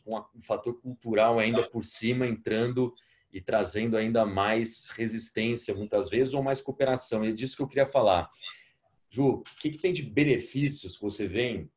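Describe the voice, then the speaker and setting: A man's voice: medium pitch, normal speed. A young adult man with a Brazilian Portuguese accent, hosting a live online masterclass and chatting while reading out audience messages.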